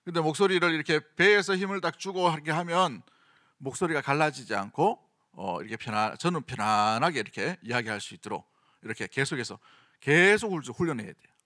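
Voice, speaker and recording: A man's voice: a little high, lively intonation, a little fast, pushed and bright, dry recording, clean studio sound. A middle-aged man with a Gyeongsang accent preaching a sermon in a conversational way, often asking the congregation questions. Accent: Gyeongsang Korean. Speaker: senior pastor.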